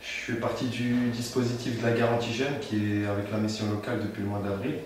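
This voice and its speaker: A young man describes his programme in a halting way, repeating words as he goes. His low voice stays flat. He is heard from a distance in an echoey room with steady noise behind. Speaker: youth programme participant. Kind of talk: interview answer.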